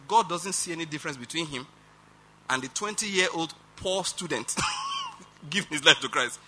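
A man with a Nigerian accent preaches a sermon with a very bright, ringing tone, pitched a little high for a man. His delivery is animated and emphatic, full of rhetorical questions and chuckles. A faint hiss sits under the voice. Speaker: pastor.

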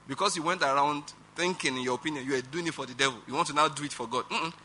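A man with a Nigerian accent preaches a sermon with a very bright, ringing tone, pitched a little high for a man. His delivery is animated and emphatic, full of rhetorical questions and chuckles. A faint hiss sits under the voice. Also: racing. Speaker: pastor.

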